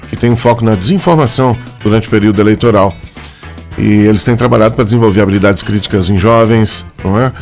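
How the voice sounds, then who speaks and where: Chatty gravelly Brazilian radio host. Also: male voice, medium pitch, a little mellow. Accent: Brazilian Portuguese. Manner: chatty, jokey, filler-heavy. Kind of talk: casual radio interview. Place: radio studio. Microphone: studio microphone.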